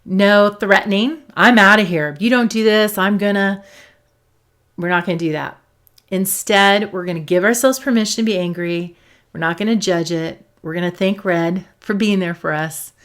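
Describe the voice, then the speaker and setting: A woman's voice: mid-range voice, a bit bright. A woman psychologist speaking to camera about emotions in an emphatic way, stressing and repeating her key points. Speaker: psychologist and host.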